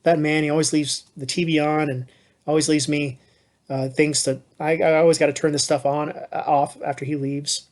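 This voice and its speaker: A man's voice: fairly high pitch, flat delivery, normal speed, close to an everyday voice. A man voicing an exasperated goddess who grumbles about her husband in a storytelling lesson.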